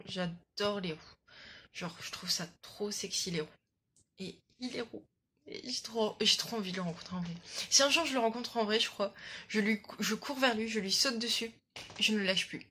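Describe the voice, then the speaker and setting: A young French woman in her late teens talks to her phone camera about books she loves. Her voice sits in an ordinary middle pitch. She is eager and chatty, and she fills her sentences with hesitations. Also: fairly bright tone, slight background noise. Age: young adult. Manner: chatty and enthusiastic, many fillers. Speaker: book vlogger. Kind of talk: casual chat. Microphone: phone in selfie mode.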